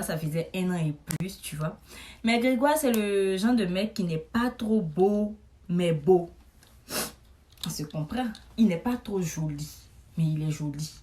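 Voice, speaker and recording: A woman, telling a comic story to camera in a chatty, animated way, with frequent asides to her listeners. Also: lowish voice, slight background noise. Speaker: comedic storyteller.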